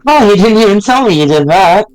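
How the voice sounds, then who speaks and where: This high-voiced man sounds animated and talks fairly quickly, captured in a low-quality recording. He's performing a fan visual novel on stream as the loyal young male friend, casual and blunt with a bit of mild cursing.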